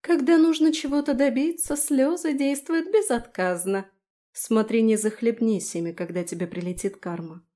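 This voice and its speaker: Female narrator doing a haughty young noblewoman, high and mellow, scheming behind fake tears. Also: expressive, normal speed, natural voice. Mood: mocking. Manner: tearful pleading, then mocking.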